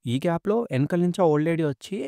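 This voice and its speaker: A man's voice: a little high, fast talker, mellow, dry recording, clean studio sound. A man retelling a manga story in a colloquial, casual storytelling way.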